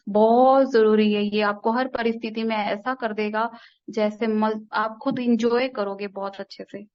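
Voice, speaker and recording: A woman's voice: mid-range voice, dull audio. A young woman earnestly sharing a personal spiritual testimony with a gathering, repeating phrases for emphasis. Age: young adult.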